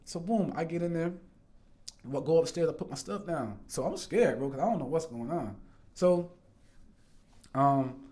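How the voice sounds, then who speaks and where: A man's voice: a little high, expressive, normal speed, pauses often, mellow. A man casually telling a personal faith testimony, rambling and earnest, full of fillers, restarts and "bro". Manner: earnest, swears the story is true. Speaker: storyteller sharing a faith testimony.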